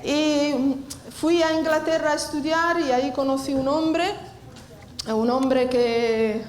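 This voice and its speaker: A Bible college director in her fifties from southern Italy gives a testimony talk at a church women's meeting, speaking English with an Italian accent. Her high voice is warm and chatty, unhurried, full of pauses, hesitations, and restarts as she searches for words. The echoey hall has faint ambience, plus a little hiss or hum.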